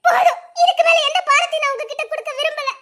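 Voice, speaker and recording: A woman acting out a wounded young wife in a homemade drama, tearful but defiant. Her voice is very high and bright, with a Tirunelveli Tamil accent. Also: fairly even intonation, very fast, heavily acted. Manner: tearful and defiant, keeps telling him to go. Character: hurt, proud young wife pushing husband away.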